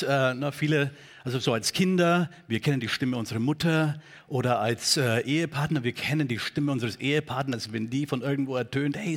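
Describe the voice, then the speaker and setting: A man preaching a sermon in a church, talking in a conversational, halting way with many fillers. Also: medium pitch. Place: church hall.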